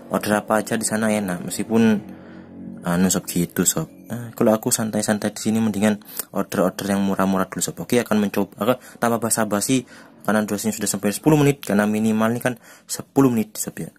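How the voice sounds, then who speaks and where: A man's voice: on the low side, fairly even intonation, fast, a little mellow, faint music behind. A man from Indonesia, rambling chattily through an online shopping walkthrough. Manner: rambling chatty, says "sob" constantly. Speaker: online shopping tutorial vlogger. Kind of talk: casual screen walkthrough.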